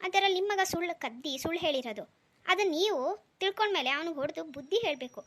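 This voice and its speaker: A woman voicing a gentle young stepmother in a cartoon, talking in an earnest, pleading way. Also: extremely high pitch, lively intonation, rapid-fire. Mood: firm. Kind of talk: cartoon dialogue.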